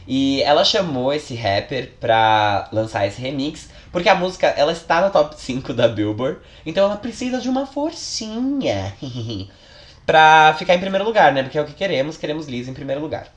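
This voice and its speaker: A man's voice: a little high, very animated, normal speed. A man, co-hosting a casual music podcast and running through new releases with jokey asides. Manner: chatty, reads news with jokey asides. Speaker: podcast co-host.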